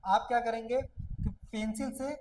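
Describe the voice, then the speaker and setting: A woman's voice: fairly high pitch, steady tone, darkish tone, slight background noise, low-quality recording. A woman teaching a shorthand class, who explains step by step and often asks a question and answers it herself. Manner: repeats questions and answers them herself, drawn-out words.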